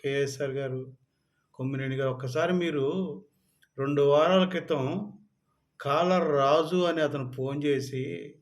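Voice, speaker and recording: A man's voice: a little high, unhurried, pauses often. Angry scolding man. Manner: scolding, rising to shouted anger. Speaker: political commentator. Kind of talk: angry political rant to camera.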